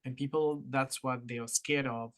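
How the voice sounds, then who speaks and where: Bright-voiced man with French-Mauritian accent. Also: medium pitch, fairly even intonation, normal speed. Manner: encouraging, explains with analogies, repeats for emphasis. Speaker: podcast co-host. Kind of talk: casual motivational podcast talk.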